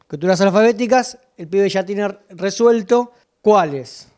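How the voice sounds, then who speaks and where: A woman's voice: mid-range voice, measured pace, mellow. A woman with a Rioplatense Spanish accent, lecturing teachers at a literacy workshop, asking questions and answering them herself. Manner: explanatory, asks and answers own questions.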